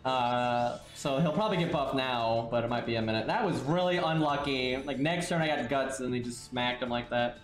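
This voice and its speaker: A man's voice: medium pitch, normal speed, hardly any pauses, roomy sound. A congested, sniffly man breathing through his mouth, giving rambling, casual game stream commentary to his viewers. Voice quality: congested, stuffy-nosed.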